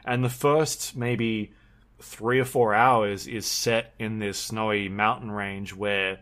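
A man's voice: fairly low pitch, steady tone, takes it slowly, a bit bright. A man co-hosting a podcast in casual chat, rambling along with many ums and restarts. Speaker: podcast co-host.

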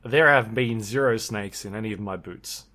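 A man's voice: fairly low pitch, normal speed, bright, forceful tone. A man co-hosting a podcast in casual chat, rambling along with many ums and restarts. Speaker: podcast co-host.

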